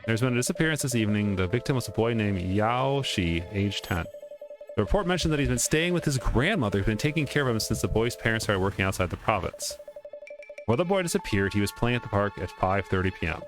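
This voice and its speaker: This let's-play features a man with a lowish, animated voice moving at a quick pace, reading the game's text aloud and cutting in with casual remarks. Music can be heard behind him.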